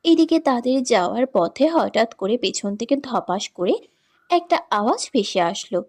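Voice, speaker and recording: Female narrator for a romance audiobook, slightly high voice, steady delivery. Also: moderate pace. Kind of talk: scripted storybook narration.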